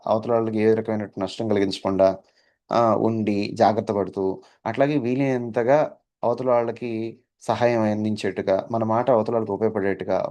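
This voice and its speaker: A man giving a devotional discourse as a spiritual teacher. He explains step by step, fills pauses with drawn-out "aa" sounds, slips in English words and keeps asking his listeners whether they understood. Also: on the low side, warm tone. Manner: drawn-out "aa" fillers.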